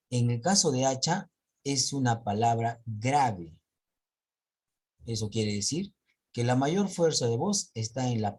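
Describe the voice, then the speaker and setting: A man's voice: mid-range voice, a little mellow, breathy edge. A man teaching a grammar lesson in an online class, explaining step by step and checking in with his students.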